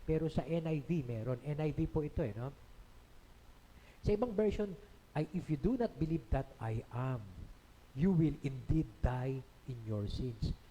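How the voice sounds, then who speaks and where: Lively, mellow Filipino pastor preaching. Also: male voice, fairly high pitch, unhurried, slight background noise. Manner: teaching, checks in with listeners. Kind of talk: sermon. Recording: long hall reverb.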